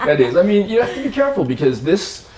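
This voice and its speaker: A high-voiced man from Cape Cod, Massachusetts, talks fast in a reverberant space. He's an artist in a casual interview in his studio, telling stories about his career. He's an animated storyteller who acts out the voices of people in his anecdotes and laughs often.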